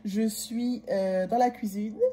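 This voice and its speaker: In the kitchen of a rented chalet, a woman vlogger with a Quebec French accent chats casually to a phone camera propped in a cupboard. Her voice is medium-pitched, slow, steady, and dark in tone, and she rambles with many fillers while short of breath and coughing. There is slight background noise.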